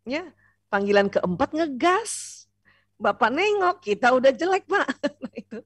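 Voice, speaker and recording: Playful woman seminar speaker, high voice. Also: a little slow, no echo. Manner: lively, playful, teasing the audience; asks the audience questions and answers them. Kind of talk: seminar lecture on family life.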